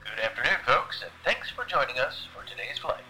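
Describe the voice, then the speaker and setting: A man playing an airline pilot who greets passengers in a relaxed, chatty announcement over the cabin loudspeaker. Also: mid-range voice, a little fast, loud music behind the voice, low-quality recording. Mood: friendly. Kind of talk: scripted ad acting.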